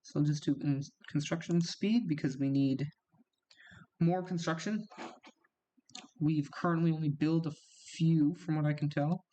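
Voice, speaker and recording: Slow-talking man narrating his strategy game. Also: fairly high pitch, steady tone, dark tone. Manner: chatty, reacts aloud with gasps and laughs while playing. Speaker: gaming YouTuber. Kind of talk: casual strategy game commentary.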